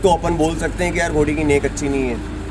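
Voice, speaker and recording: A man with a high voice and a Rajasthani Hindi accent talks earnestly about breeding, walking through points one by one. He is out in a sunny farm yard on a lapel mic. Traffic noise hums clearly behind him. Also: steady tone, fast talker. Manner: earnest, explanatory, often saying "ठीक है". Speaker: stud farm owner and horse breeder. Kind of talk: explaining horses outdoors to an interviewer. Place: sunny outdoor farm yard beside a horse.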